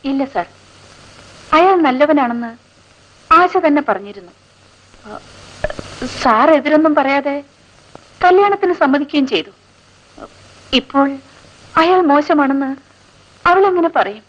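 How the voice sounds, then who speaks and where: An earnest young friend in an old film. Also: female voice, high-pitched, expressive, unhurried, pauses often. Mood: explaining. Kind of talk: 1980s film dialogue. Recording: dull 1980s film soundtrack. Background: film score music.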